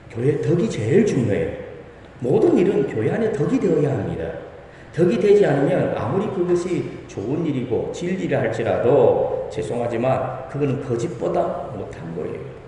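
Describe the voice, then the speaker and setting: A man's voice: on the high side, warm tone, slight background noise. A man preaching a Sunday sermon as a pastor, asking the congregation questions and acting out quoted voices. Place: church sanctuary. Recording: echoey church hall.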